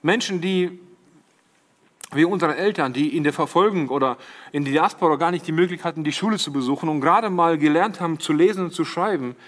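A man's voice: on the high side, brisk. A middle-aged man preaching a sermon, addressing the congregation as siblings and quoting Jesus with rising emphasis.

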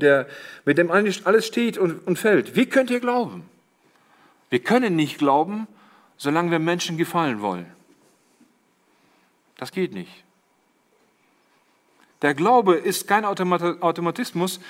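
Middle-aged male preacher, emphatic sermon delivery, slightly high voice. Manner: addresses congregation as siblings, quotes Jesus with emphasis.

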